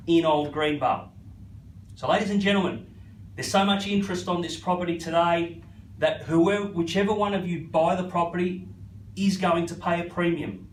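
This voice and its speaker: A high-pitched Australian man runs a live property auction with repetitive patter, naming bidders as he goes. His voice rings with echo and sits a little back from the mic, with faint noise behind it. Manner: repetitive, addresses bidders by first name. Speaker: real estate auctioneer. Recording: echoey, slightly distant, faint background noise.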